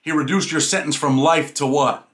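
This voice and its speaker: A man's voice: on the high side, steady tone, normal speed, a bit bright. A man interviewing someone by phone, asking direct questions in an informal way. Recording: noisy recording with clicks.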